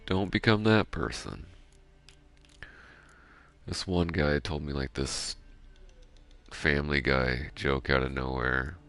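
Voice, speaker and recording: A gaming streamer offers rambling, self-deprecating commentary during gameplay, speaking softly because it's late at night. His voice rumbles low, at a slow pace with frequent pauses.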